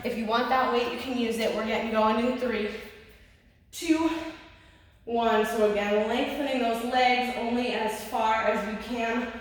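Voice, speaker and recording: A woman's voice: a little high, steady tone, moderate pace, few pauses, distant mic. A woman fitness instructor leading a workout, cueing moves and counting down, a little out of breath. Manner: encouraging, cueing each move step by step. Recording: echoey room, voice from off-mic.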